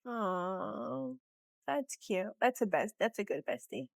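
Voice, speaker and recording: A woman's voice: medium pitch, sing-song, slow pace, vocal fry, no echo, studio quality. A young woman co-hosting a podcast in casual chat, reacting to stories and mixing in Spanish words. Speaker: podcast co-host.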